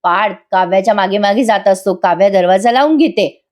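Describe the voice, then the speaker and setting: A woman's voice: mid-range voice, fairly quick, a little mellow. A woman giving a voice-over TV serial episode recap in a chatty, dramatic manner, speaking straight to her viewers. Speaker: TV serial reviewer.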